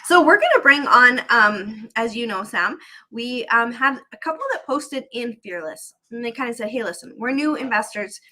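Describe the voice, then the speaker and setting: A woman's voice: fairly high pitch, animated, moderate pace, sharp tone. A woman hosting a live investing stream over a video call, upbeat and chatty, with a slightly scratchy throat. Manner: upbeat, chatty, repeats herself. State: throat irritated, candy in mouth. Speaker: host of a live real-estate investing show. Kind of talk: live-stream host chat.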